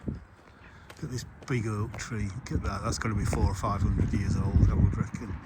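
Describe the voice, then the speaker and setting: A man's voice: fairly low pitch, steady tone, moderate pace. Chatty man walking outdoors. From England. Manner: chatty, rambling, thinks aloud with fillers. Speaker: walking vlogger. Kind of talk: casual walking commentary. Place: outdoors in open parkland. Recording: loud wind noise on outdoor mic. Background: wind.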